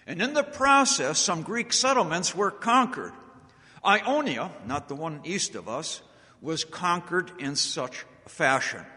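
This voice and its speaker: An American man telling history as a public speaker, deliberate and dramatic, with emphatic pauses. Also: a little high, animated, pushed and bright. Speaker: speaker giving a historical talk to an audience. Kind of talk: public storytelling speech on history. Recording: echoey hall with long reverb.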